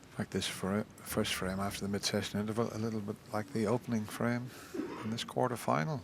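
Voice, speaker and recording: A man giving live snooker commentary in a measured, conversational way. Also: on the low side, steady tone, creaky, slight background noise.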